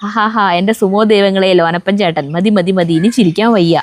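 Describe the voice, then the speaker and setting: A woman's voice: medium pitch, fairly even intonation, fairly quick, no echo. A woman reading viewer comments aloud in a casual family vlog, laughing between them.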